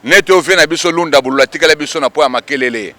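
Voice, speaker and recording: Male street reporter, high-pitched and emphatic, dry close mic. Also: racing, sharp tone, no echo. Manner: emphatic, rhetorical call-and-response. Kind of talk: on-the-spot news commentary. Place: outdoors at a public event.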